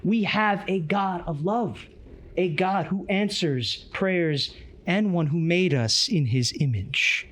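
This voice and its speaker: A man's voice: sits high, slow pace, fairly bright tone. A man giving an earnest, emphatic conference lecture, reading from a tablet.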